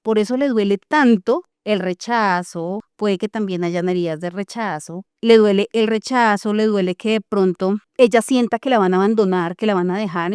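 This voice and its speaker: Smooth, clear-voiced woman podcaster. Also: medium pitch, no echo, clean studio sound. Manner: explains calmly, acts out parent and child lines. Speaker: psychologist host. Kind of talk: podcast conversation.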